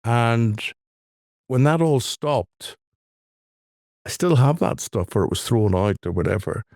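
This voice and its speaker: A middle-aged man, co-hosting a casual podcast in an easygoing, halting way. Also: medium pitch, lively intonation, darkish tone, no room sound, clean studio sound. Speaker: podcast co-host. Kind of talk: casual chat.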